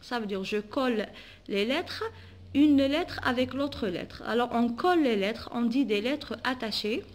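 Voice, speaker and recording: A woman's voice: on the high side, unhurried. A woman teacher with an Algerian French accent, giving a phonics lesson for children and spelling out sounds syllable by syllable.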